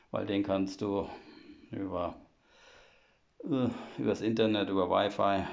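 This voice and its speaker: A man with a very low, gravelly voice chats his way through a home tour, explaining each thing step by step and padding his talk with fillers. The sound is dull and lo-fi, picked up by a phone as he walks around indoors. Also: darkish tone. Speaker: vlogger giving a home tour. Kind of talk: casual walkthrough chat. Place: old half-timbered house, indoors. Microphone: phone camera held while walking.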